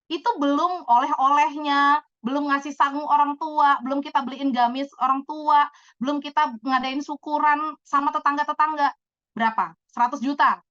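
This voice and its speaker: A woman in her thirties, telling lively stories in a chatty, animated way as she answers questions on a talk show. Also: high-pitched, moderate pace, dry recording, highs cut off. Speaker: business speaker answering questions.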